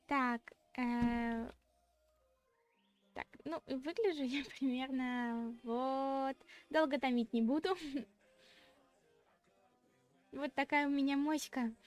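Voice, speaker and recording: A woman with a very high, cute anime-streamer voice chats casually to her viewers. She takes her time at an unhurried, slow pace and comes across as girlish, giggly and a little shy. Music plays clearly behind her. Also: fairly even intonation. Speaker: VTuber streamer hosting a redebut stream. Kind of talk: casual livestream chat with viewers.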